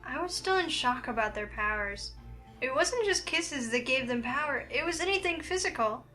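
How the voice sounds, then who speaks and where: Faint music plays behind a woman who reads aloud the lines and inner thoughts of a curious, introspective young visual novel heroine. Her high-pitched delivery is earnest and expressive at a normal speed, with a pensive mood.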